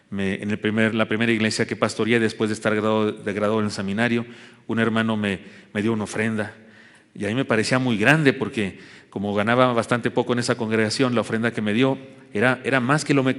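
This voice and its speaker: Pastor from the north, folksy self-mocking preacher, church with long reverb. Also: male voice, on the low side, little pitch movement, quick pace, fairly bright tone. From Chihuahua, Mexico. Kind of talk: sermon. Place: church sanctuary.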